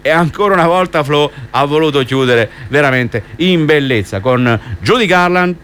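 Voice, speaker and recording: A man's voice: a little high, animated, moderate pace, a bit bright, smooth. A man hosting an evening radio show, chatting, reading dedications and reading a storybook aloud, often repeating his words. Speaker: radio host.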